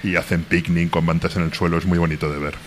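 Male journalist, low voice, casual and hesitant, outdoor park recording with light background noise. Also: level tone, fast. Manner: hesitant, repeats words, laughs easily. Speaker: journalist guest. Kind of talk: casual round-table chat.

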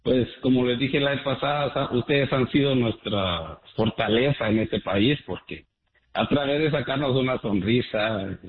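A man's voice: mid-range voice, measured pace. A man from Guatemala calling in to a radio show, speaking earnestly and gratefully with many hesitations. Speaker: caller. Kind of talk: call-in radio chat. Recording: echoey tinny phone line.

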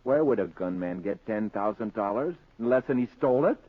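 Casting: blustering, easily scared American schemer husband, swooping pitch, old radio drama, phone-like sound. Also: male voice, lively intonation, a little fast. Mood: insistent, self-justifying. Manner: blustering, stammering when nervous. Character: excitable working-class husband, grabby, scheming but easily scared.

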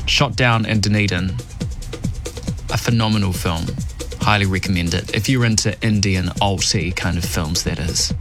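A radio host with a New Zealand accent speaks in a low voice at a moderate pace over music. He gives emphatic, opinionated commentary and reads news headlines, varying his delivery throughout.

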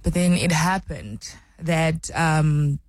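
A woman's voice: deep voice, slow, dry recording, rough recording. A young woman from South Africa, a rugby player, answering interview questions with many ums and restarts.

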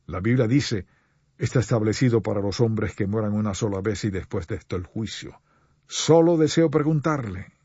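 A man preaching a sermon to radio listeners, earnest and pleading, with slow deliberate pauses. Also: on the low side, a little mellow, breathy edge, dry recording, lo-fi sound.

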